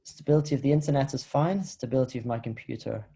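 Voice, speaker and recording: A man from the Scottish Highlands giving an academic talk over a video call, thoughtful and hesitant, with many fillers and restarts. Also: fast, gravelly, dark tone, breathy edge. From Highlands of Scotland. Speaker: lecturer. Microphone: video call computer mic.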